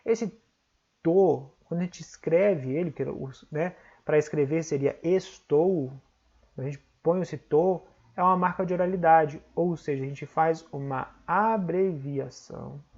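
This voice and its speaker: Man, Brazilian accent, teacher, gravelly voice, dull lo-fi recording. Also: on the high side. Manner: explanatory, checks in with frequent tag questions. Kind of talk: online exam-prep lesson.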